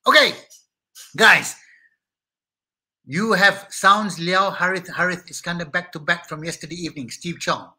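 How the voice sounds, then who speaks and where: A middle-aged Malaysian man with a Malaysian accent hosts a live online talk show from a small indoor studio with a brick wall, chatting casually with viewers. He's energetic and hyper, greeting viewers by name, though he speaks a little slowly in a high voice with long pauses.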